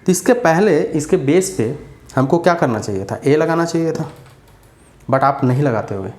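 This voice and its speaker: A man's voice: a little high, expressive, normal speed, a little mellow, echoey room. A man giving a casual grammar lesson, chatty and repetitive as he drills examples. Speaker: English grammar teacher.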